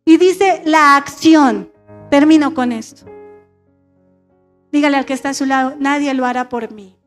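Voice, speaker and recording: A woman's voice: high-pitched, unhurried, soft background music. A middle-aged woman pastor preaching a sermon and calling on her congregation to repeat phrases after her. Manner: call-and-response preaching, asking the congregation to repeat. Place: church sanctuary.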